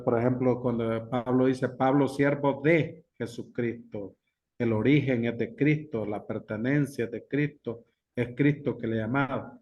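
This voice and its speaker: Man teaching a slow, emphatic Bible class. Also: medium pitch. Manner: slow, emphatic, repeats key words. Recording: dull lo-fi recording.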